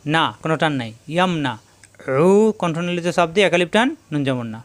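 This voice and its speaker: A man leads a tajweed lesson, breaking each word into letter-by-letter syllables. He then stretches the joined word out slowly, repeating it patiently. His voice sits a little high and comes through smooth and clear. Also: a bit bright. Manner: spells syllables letter by letter, then draws out whole words slowly; patient, repetitive drilling. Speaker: Quran recitation teacher. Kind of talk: slow spelling-out tajweed lesson.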